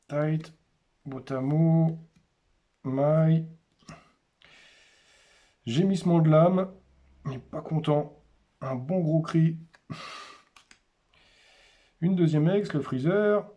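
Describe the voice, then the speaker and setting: Slow, mellow-voiced man naming cards. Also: fairly high pitch, lo-fi sound. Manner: names cards one by one in short, unhurried remarks. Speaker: host opening a card display. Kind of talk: casual unboxing commentary.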